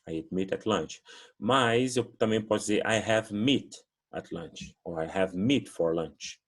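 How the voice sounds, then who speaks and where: A man's voice: on the low side, slow pace. A Brazilian man teaching an English lesson, patiently explaining words and modelling pronunciation drills. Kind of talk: recorded classroom lesson.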